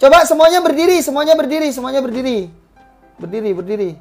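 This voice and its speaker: A woman's voice: sits high, fast talker, darkish tone, soft background music. A woman hosting a game session, barking repeated commands at players and swearing casually. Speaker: gaming channel host. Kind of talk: live game commentary giving orders to players.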